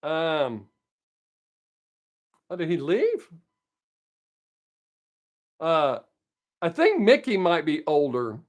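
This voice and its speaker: A man's voice: fairly high pitch, huge pitch swings, very slow, long pauses. A man in his late fifties hosting a casual livestream, chatting upbeat with viewers and answering them by name. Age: 50s. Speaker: livestream host. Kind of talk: casual chat with live viewers.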